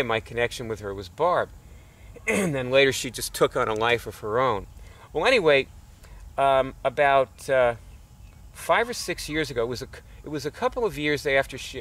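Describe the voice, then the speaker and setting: Medium in pitch and a bit bright, this middle-aged man's voice carries a loose, rambling story in a casual lecture. He laughs frequently, fills gaps with fillers and restarts, and is the founder of a nonprofit teaching alternative healing.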